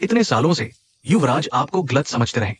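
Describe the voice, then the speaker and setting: A man playing a loyal, respectful assistant in a dubbed short drama, speaking in a formal, explanatory way with a husky voice. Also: mid-range voice, very animated, moderate pace. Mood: earnest. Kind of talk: Hindi dub of a short drama.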